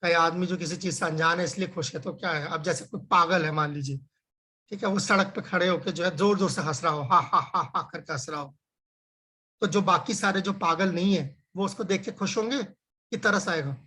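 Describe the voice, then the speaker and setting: Husky man teaching an online class. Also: sits high, sharp tone. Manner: explains with everyday examples and rhetorical questions; frequent filler phrases and restarts, slows to stress key words. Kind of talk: conversational religious lecture. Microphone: video call.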